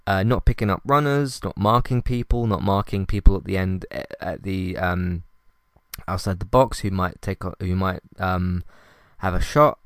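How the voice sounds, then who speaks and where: At a moderate pace and with no room sound, a male host gives solo podcast commentary on his recent episodes and match ratings. His calm, low voice is smooth and resonant, and his casual talk features frequent fillers and restarts, recorded dry and close.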